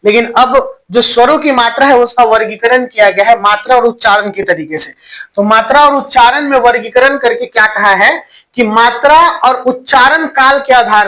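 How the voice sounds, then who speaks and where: Bright-voiced Hindi grammar teacher. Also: male voice, very high voice, low-quality recording. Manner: asks questions and answers them himself, repeats key points; stretches vowels while demonstrating sounds. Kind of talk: online classroom lecture.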